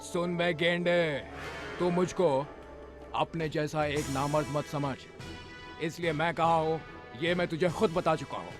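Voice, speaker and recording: A man's voice: on the high side, fairly even intonation, unhurried, lightly acted. A man dubbing a confident, fearless young hero who jokes and taunts. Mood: taunting. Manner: cocky, taunting. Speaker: dub actor. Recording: film soundtrack with music.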